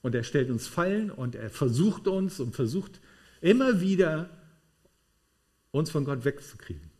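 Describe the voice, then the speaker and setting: Man, preacher, sermon to a congregation, emphatic, fairly high pitch. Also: very animated, unhurried, a little mellow. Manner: emphatic, addresses congregation with tag questions. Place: room with a congregation.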